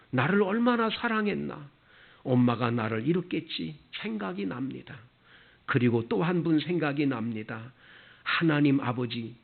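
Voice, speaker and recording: Gravelly korean-church pastor guy, lively swinging pitch, tinny phone-like sound. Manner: emotional, swinging from soft murmurs to fervent high cries. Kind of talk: sermon. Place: church sanctuary.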